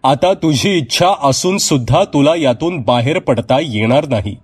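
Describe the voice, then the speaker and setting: A man's voice: medium pitch, normal speed, darkish tone, husky, faint music behind, voice pushed up, close to an everyday voice. A man voicing an older village mother who speaks in a weary, tender way and breaks into alarmed cries. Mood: fearful.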